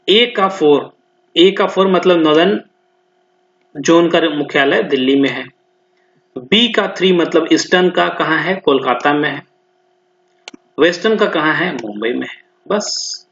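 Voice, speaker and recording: A man's voice: on the high side, a bit bright. A man tutoring students through exam questions, thinking aloud, repeating answers and speaking to them directly. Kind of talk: explanatory lesson, solving exam questions. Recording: roomy, dull lo-fi sound.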